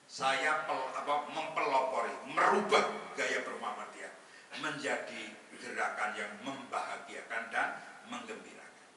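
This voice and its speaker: A man's voice: mid-range voice, measured pace, distant mic. A man giving a humorous religious talk to a gathering, joking with the audience and quoting Arabic verses. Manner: jokey, lively, mixes Arabic verses with banter. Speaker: head of a national Muhammadiyah institute, guest speaker. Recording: echoey hall, voice from afar, faint noise.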